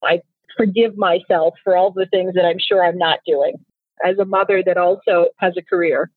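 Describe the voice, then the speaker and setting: Speaking over a tinny-sounding phone line, a company founder being interviewed, a woman in her thirties from Nigeria whose native language is Igbo, gives earnest, thoughtful answers with many restarts. Her lowish voice holds a steady tone at a moderate pace, with no echo.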